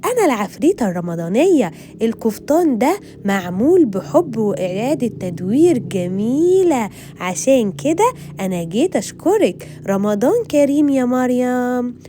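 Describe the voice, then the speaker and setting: A woman with an Egyptian accent voicing a small, laughing female fairy who speaks slowly and kindly. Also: on the high side, big pitch swings, dark tone, slight background noise.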